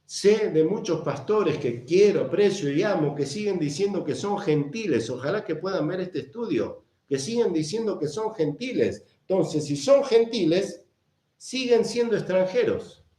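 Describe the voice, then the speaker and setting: A man's voice: sits high, expressive, normal speed, warm tone. A man preaching a sermon, emphatic, repeating phrases and answering his own questions. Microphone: camera mic. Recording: echoey room.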